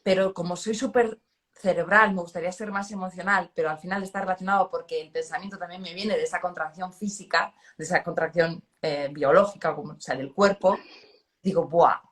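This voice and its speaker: A middle-aged woman, hosting a relaxed talk. Her voice sits a little low, and she speaks in an animated, self-reflective way, full of lively asides and sound effects. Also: brisk. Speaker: host. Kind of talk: casual conversation.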